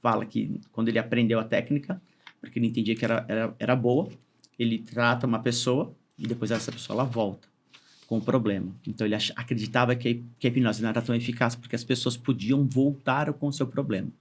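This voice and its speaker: A man's voice: mid-range voice, steady tone, fast talker. A man who is a hypnotist, a guest on a podcast, explaining things in a casual, chatty way and often restarting sentences.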